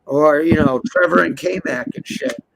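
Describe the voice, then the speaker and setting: A man hosting a casual livestream chat, blunt and heavily profane in a buddy-like way, with a gravelly, creaky voice. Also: fairly high pitch, a little slow, fairly bright tone. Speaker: host of a livestream. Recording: dull lo-fi stream audio, clear background noise.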